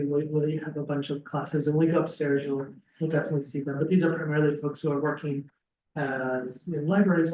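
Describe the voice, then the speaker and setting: A slightly high-voiced dean hosts a relaxed info session for would-be students, restarting sentences and saying um often. The classroom event, with its audience, is also streamed on a video call, and a laptop webcam some distance off records it. The sound comes across roomy and distant, with a little hiss or hum.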